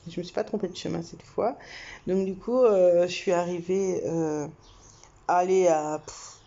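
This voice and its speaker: A young Frenchwoman vlogs in an unhurried, lowish voice, casually telling a story to camera in lo-fi sound. Her manner is chatty and animated, with frequent fillers and laughter.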